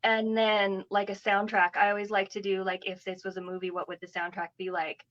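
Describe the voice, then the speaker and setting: Author guest, woman, chatty and rambling, mid-pitched, muffled recording. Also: level tone, a little fast, fairly bright tone. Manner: chatty, rambling, frequent fillers. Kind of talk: casual chat.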